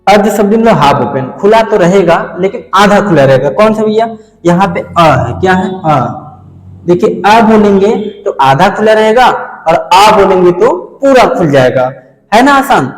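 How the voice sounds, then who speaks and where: A man's voice: sits high, animated, moderate pace. A male teacher giving a grammar lesson for exam preparation. He asks the class questions and answers them himself, and he says vowel sounds over and over to show them. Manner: calls viewers friends and kids. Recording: echoey room with a long reverb.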